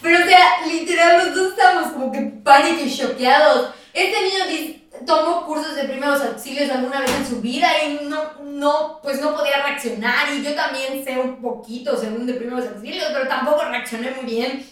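A young Mexican woman with a high voice tells a story in animated chat, acting out every shout and quoted line. She sounds far from the mic in a very echoey room. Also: normal speed, few pauses. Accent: Mexican Spanish. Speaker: podcast co-host.

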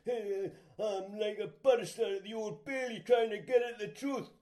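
A man's voice: high voice, fairly even intonation, moderate pace, dark tone, natural voice. A man playing a cheeky man who teases his friend and tells a joking story about his first kiss.

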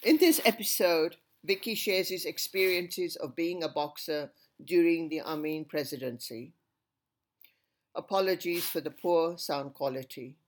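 A podcast host reading a scripted introduction in a measured, even delivery. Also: mid-range voice. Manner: measured, read-aloud delivery. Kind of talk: scripted narration.

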